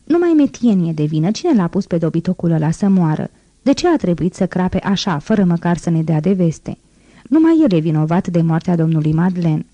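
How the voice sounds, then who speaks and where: A woman's voice: on the low side, very animated, mellow, dry recording, dull audio. A woman voicing a frantic, grief-stricken old man who laments aloud to himself in an audiobook reading. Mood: despairing.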